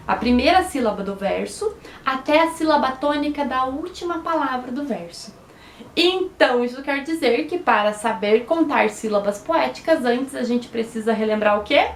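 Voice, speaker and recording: A Brazilian teacher explaining poetry to children, slowly and patiently, often with a questioning "né?" and sounding out syllables. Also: female voice, high voice, expressive, echoey room, a little hiss or hum. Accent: Brazilian Portuguese. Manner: slow, syllable-by-syllable explanations with frequent "né?". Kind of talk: online lesson for children.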